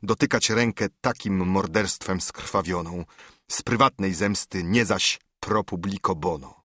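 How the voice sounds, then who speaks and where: A man's voice: low-pitched, a little slow, fairly bright tone, no echo, clean studio sound. A man voicing a stubborn older steward who speaks bluntly and sternly in a verse audiobook reading.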